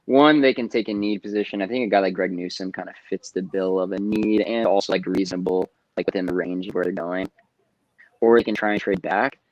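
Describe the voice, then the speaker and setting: A man's voice: sits low, fairly even intonation, brisk, a little mellow, dry recording, muffled recording. A man weighing draft options in casual sports chat, hesitant and full of fillers.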